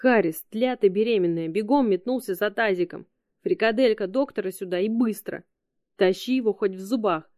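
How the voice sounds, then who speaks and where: A woman's voice: mid-range voice, moderate pace, a little mellow, dry recording, clean studio sound, close to an everyday voice. A woman reading an audiobook voices a brash, foul-mouthed young woman who barks rude orders. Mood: bossy. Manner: rude, commanding, swearing.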